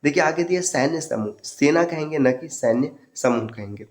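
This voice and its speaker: A man's voice: on the high side, expressive, normal speed. A male teacher giving an online exam-prep lesson, steadily drilling correct and incorrect word forms and addressing students as friends.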